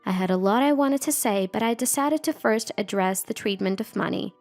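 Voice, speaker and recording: A woman's voice: mid-range voice, fairly quick, darkish tone, faint music behind. Woman narrating a first-person story.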